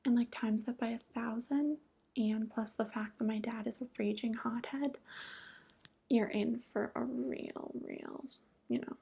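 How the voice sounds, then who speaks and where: A woman voicing a flirty, teasing female devil in a soft, breathy ASMR role-play, with a casual, coy manner. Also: on the high side, steady tone, unhurried, heavily acted.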